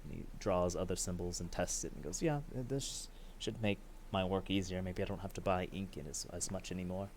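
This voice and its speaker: A man voicing a polite, scholarly male mapmaker who speaks in a measured, courteous way. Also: deep voice, darkish tone, slight background noise.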